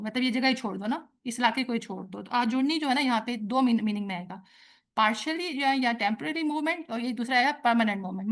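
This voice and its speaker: A woman giving a religious lesson, explaining at length and mixing in English phrases and quoted Arabic. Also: high voice. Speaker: teacher. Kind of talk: religious lecture.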